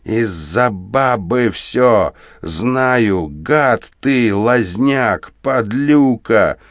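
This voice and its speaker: Man shouting as a frenzied young soldier. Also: sits low, unhurried, dry recording, studio quality. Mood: raving. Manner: shouting, hoarse, wild. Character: frenzied young male soldier, hysterical, raving. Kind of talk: audiobook character voice.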